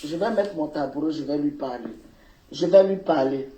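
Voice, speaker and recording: A man with a slightly high voice talks calmly and soothingly on a live stream, repeating himself. His voice rings in an echoey room. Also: moderate pace, slight background noise.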